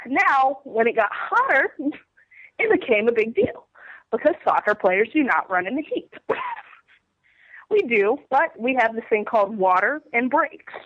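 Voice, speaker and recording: A woman's voice: on the high side, sing-song, a little slow, fairly bright tone, no room sound, dull audio. A woman in her twenties, a wrestler being interviewed, telling a story animatedly and laughing often while under the weather. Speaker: guest wrestler.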